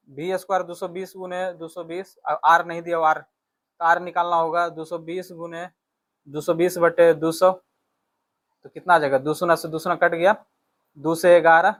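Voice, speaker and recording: Short check-in tags and repeated key phrases mark this physics exam lesson, where an Indian-accented male teacher works through questions. His pitch is fairly high and his tone a bit bright.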